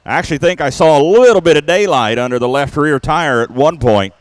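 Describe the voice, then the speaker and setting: Clear-voiced male tractor pull announcer. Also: fairly high pitch, fairly quick, dry recording.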